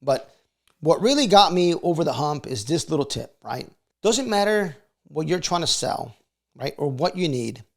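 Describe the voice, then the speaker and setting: Hosting a video, a middle-aged man shares casual motivational advice in a conversational way, frequently checking that listeners agree with quick questions. His voice is on the high side and gravelly, with lively intonation at a normal speed.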